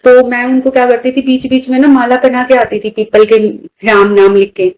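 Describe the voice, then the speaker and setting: A woman's voice: fairly high pitch, little pitch movement, moderate pace, darkish tone, rough recording. A woman telling a personal story in casual conversation, rambling and restarting as she goes and often addressing the listener as brother. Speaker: devotee guest sharing a personal story.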